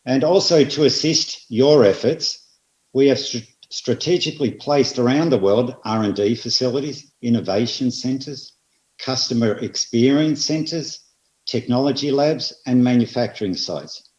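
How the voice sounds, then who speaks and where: An Australian man presenting at an industry seminar, speaking in a measured way and hitting repeated phrases with emphasis. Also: medium pitch, a little mellow. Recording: roomy, slightly dull audio.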